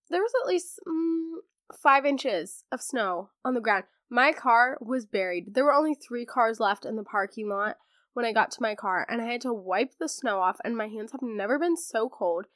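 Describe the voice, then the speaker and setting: Her voice sits on the high side and sounds animated at a normal speed: a teen podcast host, congested while recovering from laryngitis. The talk is loose and sarcastic, packed with fillers, captured cleanly in a studio with no room sound.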